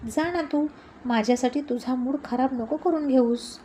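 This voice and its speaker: A woman's voice: sits high, normal speed, mellow, slight background noise, lightly acted. A woman voicing an evasive young woman who fakes illness in a thin, weak voice.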